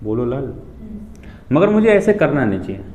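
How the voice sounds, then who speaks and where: A man's voice: mid-range voice, sing-song, moderate pace, a little mellow, reverberant, slight background noise. A man teaching a maths class, questioning his students and calling them "beta" as he works through the steps.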